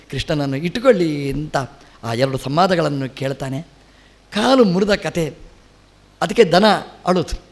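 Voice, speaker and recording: A middle-aged man, a religious teacher, giving a spiritual discourse and telling a scripture story with acted quotes and rising emphasis. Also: high-pitched.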